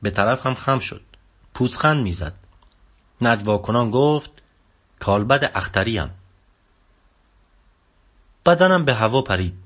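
Speaking at medium pitch, a male audiobook narrator reads a first-person tale in a steady, measured, scripted manner.

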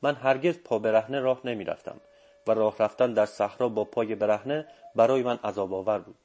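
A man narrating a first-person audiobook in a measured, steady reading. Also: lowish voice.

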